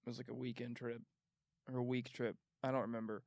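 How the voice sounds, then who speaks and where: A young man co-hosting a podcast in casual chat, telling animated stories and quoting people in put-on voices. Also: medium pitch, fast, gravelly, dry recording, studio quality. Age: young adult. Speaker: podcast co-host.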